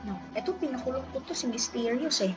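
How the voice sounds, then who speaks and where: A fairly high-voiced woman chats through her gameplay, teasing and calling out to the other players. The sound is dull and lo-fi, with background music playing clearly underneath. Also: fast. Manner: playful, teasing, talks to fellow players. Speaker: gameplay video host. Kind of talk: casual game commentary.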